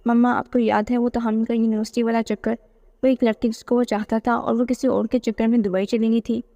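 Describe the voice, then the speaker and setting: A woman's voice: a little high, little pitch movement, fairly quick, creaky, mellow, no echo. A woman voicing a worried young woman who confides in her mother, in a read-aloud novel.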